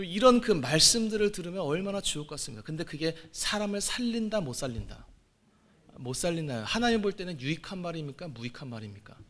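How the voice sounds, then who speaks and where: A man in his forties preaching a sermon as pastor, moving between quiet asides and loud exclamations. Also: fairly high pitch, big pitch swings, fast. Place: church sanctuary.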